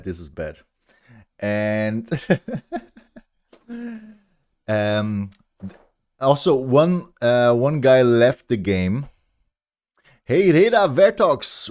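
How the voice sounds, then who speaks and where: A German-accented man in his thirties hosts a live stream, rambling casually with viewers, restarting his sentences often and chuckling at himself. His mid-range voice is sing-song and slightly mellow, and he goes slowly with long pauses.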